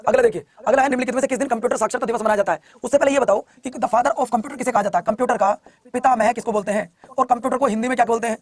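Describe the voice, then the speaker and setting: A male online exam coach running a live class, firing questions at students, repeating each one and pushing them to answer quickly. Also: very high voice, steady tone.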